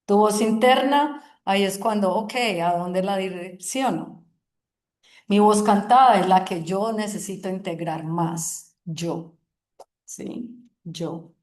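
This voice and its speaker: Slow, gentle woman teaching in an echoey room. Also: mid-range voice. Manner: slow, soothing, asks "¿sí?" often. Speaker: yoga teacher. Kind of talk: gentle reflective group teaching. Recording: roomy echoing room.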